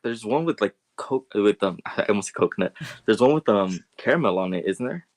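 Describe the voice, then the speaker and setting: A man co-hosting a casual podcast, relaxed and quick to laugh. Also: fairly low pitch. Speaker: podcast co-host. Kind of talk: casual chat.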